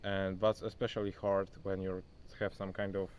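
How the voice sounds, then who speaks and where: Filming himself in a rural area close to a forest, a young man who isn't a native English speaker keeps the vlog chatty and casual, saying "bro" to the viewer. He has a low, flat, slightly mellow voice at a normal pace. Faint insects and nature sounds come through along with slight background noise.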